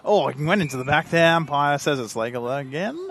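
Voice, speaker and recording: A man with an Australian accent co-commentating amateur football, joking around and getting loud on big tackles. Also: on the high side, animated, fairly quick.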